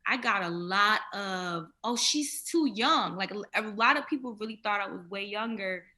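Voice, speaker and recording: A woman who is a former radio personality, talking as an interview guest in a youthful-sounding voice that is hoarse from a cold. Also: mid-range voice, normal speed. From Minnesota. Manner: animated storyteller, acts out quotes. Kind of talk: casual interview conversation.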